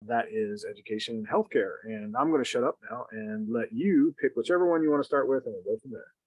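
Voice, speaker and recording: Podcast co-host, male, mid-pitched, rambling and filler-heavy, dry close-mic sound. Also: fast talker, no room sound, lo-fi sound. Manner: rambling with many fillers, self-aware jokes. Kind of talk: casual podcast chat.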